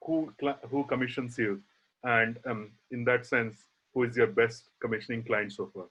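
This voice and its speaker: A man moderating a webinar panel, asking questions in a halting way with many fillers. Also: mid-range voice, fairly even intonation, fairly bright tone, husky. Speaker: session chair. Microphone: video call. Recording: muffled video call audio.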